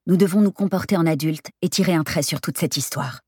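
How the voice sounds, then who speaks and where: A composed man who speaks calmly, firmly and in a measured way, as a woman reader voices him. The voice stays low and husky. The reading is close and dry. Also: no echo. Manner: calm, firm, measured. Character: calm firm adult man, an ex-boyfriend.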